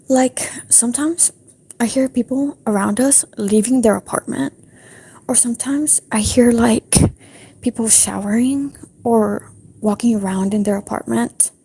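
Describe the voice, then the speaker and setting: A young woman livestreaming in a breathy whisper, rambling casually with lots of fillers from her apartment restroom. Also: fairly high pitch, dark tone. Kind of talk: whispered casual stream chat.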